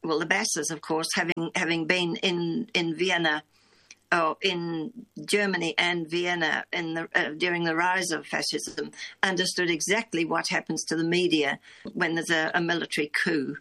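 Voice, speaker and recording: A New Zealand woman in her nineties, a founding member of a broadcaster supporters' group, is a guest on a radio interview. Her lowish voice has a flat delivery at a moderate pace, yet it sounds bright and forceful. She reflects as she talks, meandering and restarting often.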